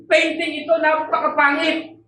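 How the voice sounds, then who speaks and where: A blustering, half-blind old man complains out loud, put on by a woman preaching. The voice stays high and close to her own. It sounds roomy and distant, with faint room noise behind. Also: little pitch movement, moderate pace. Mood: indignant.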